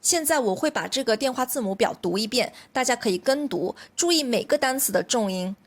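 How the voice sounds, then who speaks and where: A woman's voice: on the high side, animated, a little fast. A woman language teacher with a Mandarin Chinese accent, patiently explaining a lesson in careful steps.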